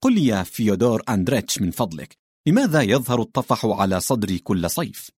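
A man playing a sly older nobleman who murmurs mocking remarks in a low, husky voice. The reading is dry and close, as in an audiobook. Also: big pitch swings, fast, a little mellow, no room sound. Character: amused older male nobleman, drinking companion.

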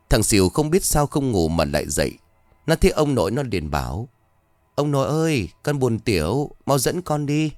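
Low-voiced man narrating horror. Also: no room sound. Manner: dramatic, building tension. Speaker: story narrator.

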